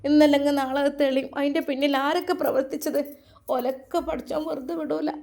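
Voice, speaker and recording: Brief: a woman playing a motherly older woman, soft and consoling, storybook. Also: high-pitched, fairly even intonation, brisk, gravelly, pitched above the performer's own voice. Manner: soothing, motherly. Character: older mother, gentle and pious.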